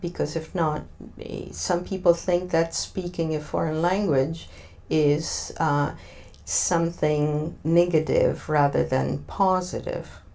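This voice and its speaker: Slow, thoughtful Argentine woman. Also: low-pitched, steady tone, gravelly, warm tone. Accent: Argentine Spanish. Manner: thoughtful, many filler sounds, searching for words. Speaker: interview guest. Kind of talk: interview answers.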